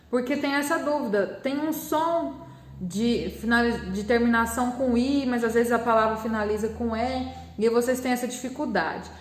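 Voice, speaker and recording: A Brazilian woman teaching a primary school class, patiently explaining and drawing out syllables slowly. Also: a little high, roomy sound. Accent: Brazilian Portuguese. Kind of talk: recorded remote class lesson.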